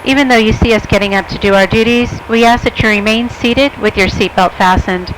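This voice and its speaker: A woman's voice: fairly high pitch, fairly even intonation, fairly quick, poor audio. A woman speaking as a flight attendant, giving a scripted airline cabin announcement to passengers. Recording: cabin announcement over airplane engine noise.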